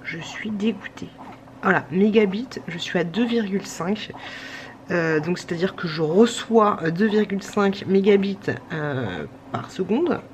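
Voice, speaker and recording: A woman's voice: mid-range voice, measured pace. A tired woman, chatting casually to camera at home late at night, rambling with many fillers and restarts. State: a little sick. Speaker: vlogger. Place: home at night, pumping breast milk. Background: breast pump hum.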